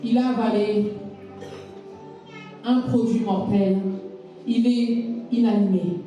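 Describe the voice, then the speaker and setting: A woman's voice: mid-range voice, steady tone, slow pace, dark tone. A woman preacher giving a sermon with a personal testimony, telling her story with emphatic repetitions. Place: church hall. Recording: echoey hall from far off, faint music.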